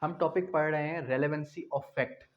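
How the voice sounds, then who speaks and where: A man with a Pakistani accent gives a didactic law lecture, reading out legal articles and explaining them while repeating key phrases for emphasis. His voice is fairly high and fairly even in intonation, with a measured pace, and the audio is dull and lo-fi.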